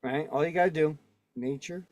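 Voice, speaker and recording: A man's voice: a little high, normal speed, darkish tone, no room sound. A man teaching casually on a video call. He argues his points and keeps checking in with the listeners. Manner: argumentative, keeps checking in with "right?" and "okay?". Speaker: instructor.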